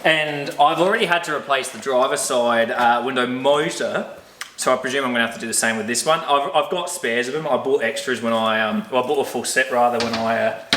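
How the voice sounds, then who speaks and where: Working on a car in a garage, this man rambles offhandedly and keeps correcting himself. His mid-range voice has a fairly bright tone, and a little hiss or hum sits in the recording; he's a car restoration vlogger.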